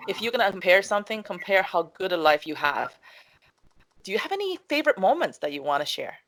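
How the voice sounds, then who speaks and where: A woman's voice: medium pitch, very animated, fast talker, a little hiss or hum. A woman hosting an interview, asking questions and reacting with encouraging remarks and laughter. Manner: warm, encouraging, laughs often. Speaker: host. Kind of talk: casual interview.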